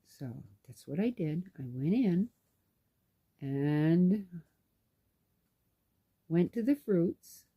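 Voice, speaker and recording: A woman's voice: fairly low pitch, drawn-out words, long pauses, slightly rough, dry recording, dull audio. A woman vlogger casually telling a story in a chatty way, acting out what people said. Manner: chatty, animated, acts out dialogue. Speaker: knitting vlogger and caregiver.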